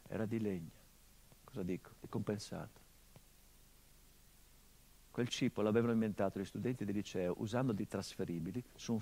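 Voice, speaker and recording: A middle-aged man with a fairly low voice performs a radio-broadcast theatrical monologue as the grieving son of a murdered journalist. His brooding, bitter delivery swings between hushed and impassioned, and the audio quality is poor.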